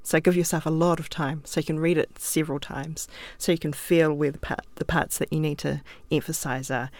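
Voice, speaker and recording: A woman's voice: deep voice, no echo. A woman from New Zealand with a New Zealand accent, chatting as a guest in a recording studio, thinking aloud and laughing often. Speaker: guest writer. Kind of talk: relaxed interview talk.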